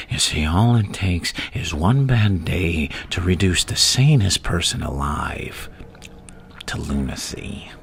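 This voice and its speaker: The Joker, very deep gravelly menace. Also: male voice, heavily acted. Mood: taunting, musing. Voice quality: gravelly, breathy half-whisper. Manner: slow, taunting, theatrical, swinging between murmurs and louder bursts. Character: menacing, gleefully insane adult male supervillain clown. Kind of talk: ASMR roleplay monologue addressed to the listener.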